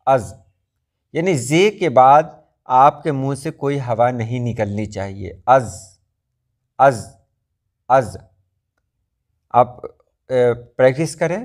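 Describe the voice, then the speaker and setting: A man teaching pronunciation in a video lesson, repeating example sounds and words slowly for practice. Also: medium pitch. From Muzaffarpur, India.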